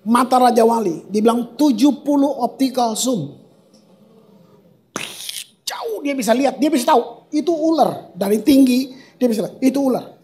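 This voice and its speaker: A male pastor preaching a lively evening prayer sermon in a church service, animated and playful, with colloquial slang, rhetorical questions and acted-out sounds for emphasis. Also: very high voice. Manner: acts out sounds and cries for emphasis.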